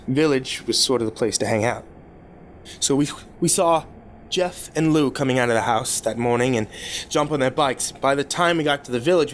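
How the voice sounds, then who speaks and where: Man acting a troubled, halting young man confessing, noisy recording. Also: mid-range voice, natural voice. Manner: halting, confessional, stammering over repeated words. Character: troubled rich young man confessing his cruel teenage past. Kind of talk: dramatic first-person horror story monologue. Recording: clear background noise.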